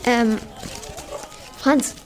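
A woman's voice: extremely slow, a little mellow. A girl playing a slangy schoolboy. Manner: casual slangy schoolkid talk. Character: teenage schoolboy Peter, first mean then kind. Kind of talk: amateur school drama.

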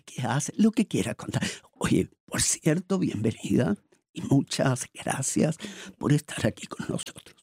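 A man hosting a casual studio talk show, rambling and lively with many fillers. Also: a little high, husky, no echo. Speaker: show host.

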